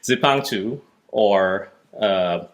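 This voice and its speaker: Low-voiced friendly podcast host man. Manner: friendly, laughs easily, slightly halting with fillers. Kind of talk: podcast interview.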